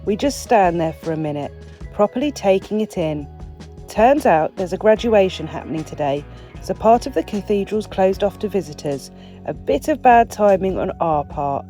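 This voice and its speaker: A woman's voice: mid-range voice, dark tone. A woman narrating a travel vlog voice-over in a descriptive, wonder-filled way. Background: faint music.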